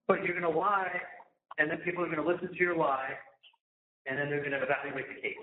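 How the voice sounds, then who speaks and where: A man's voice: a little high, noisy background. A man on a prison phone, talking to his mother in an agitated, indignant way, repeating himself and swearing. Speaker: inmate calling his mother. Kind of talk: phone conversation. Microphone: prison phone handset. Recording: tinny echoey prison phone line.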